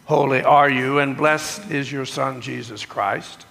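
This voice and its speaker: Guy pastor doing communion liturgy, slow and gravelly, big cathedral echo all around. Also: mid-range voice, steady tone, a crowd in the background. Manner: slow, measured liturgical delivery. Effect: cathedral echo, long church reverb. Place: church sanctuary. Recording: long echoing church reverb.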